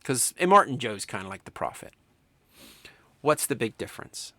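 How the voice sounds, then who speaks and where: A man lecturing on film to students, enthusiastic and emphatic, swinging from quiet remarks to loud excitement. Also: mid-range voice, normal speed, dry recording. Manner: enthusiastic, talks to students directly. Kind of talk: recorded lecture.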